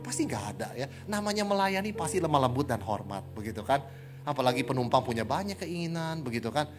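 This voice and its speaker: A man preaching a sermon in an animated way, asking the congregation rhetorical questions. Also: medium pitch, fast, over music. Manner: animated, rhetorical questions, mixes in English phrases. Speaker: pastor.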